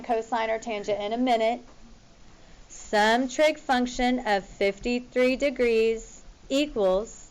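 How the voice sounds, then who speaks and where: A woman's voice: on the high side, rough recording. A woman teacher talking to her class in an informal, directive way as she works through math examples. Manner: informal, directive, checking students follow along.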